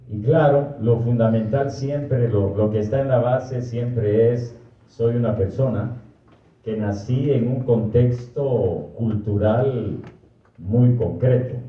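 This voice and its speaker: An older man, a priest from Guatemala with a Guatemalan Spanish accent, giving a slow, thoughtful personal talk and often correcting himself. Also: medium pitch. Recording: distant, echoey, muffled hall recording.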